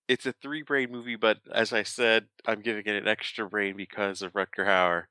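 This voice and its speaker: A man co-hosting a casual movie review podcast, laid-back and quick to laugh with wry asides. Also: on the low side, steady tone, sharp tone, smooth, no echo. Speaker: podcast co-host.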